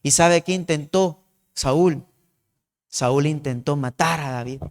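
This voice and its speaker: A man's voice: on the high side, takes it slowly. A male pastor preaching a sermon, retelling the story and repeatedly calling the listener his beloved brother.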